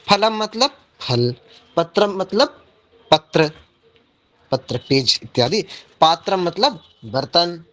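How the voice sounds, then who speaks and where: A man teaching an online Sanskrit class, reciting word pairs slowly and carefully, then explaining each meaning. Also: high-pitched, big pitch swings, a bit bright.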